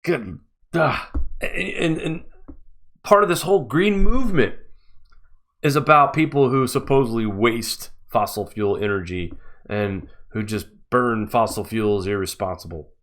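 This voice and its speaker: A man's voice: medium pitch, a little slow, fairly bright tone. A man hosting a live-stream news show, giving mocking, sarcastic commentary.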